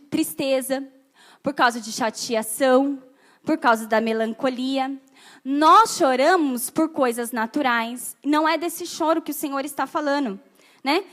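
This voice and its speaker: High-voiced Brazilian woman preaching. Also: a bit bright. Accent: Brazilian Portuguese. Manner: asks the congregation questions. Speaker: pastor. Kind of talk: sermon.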